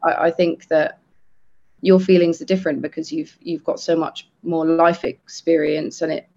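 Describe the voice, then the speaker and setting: A man co-hosting a podcast, talking earnestly and haltingly with many restarts. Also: a little high, level tone, gravelly, a little mellow. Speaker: podcast co-host. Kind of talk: casual podcast chat. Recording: dull lo-fi sound.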